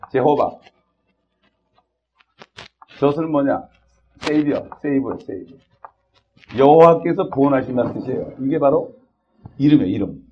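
An older man preaching a sermon, often questioning his congregation and prompting with a quick "eh?". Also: fairly high pitch. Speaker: pastor. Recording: dull lo-fi recording.

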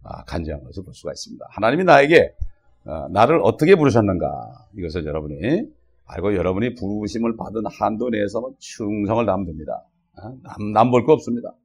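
A man's voice: lowish voice, sing-song, brisk, slightly rough. A man preaching a sermon in a conversational way, often checking with the congregation as he speaks. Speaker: pastor.

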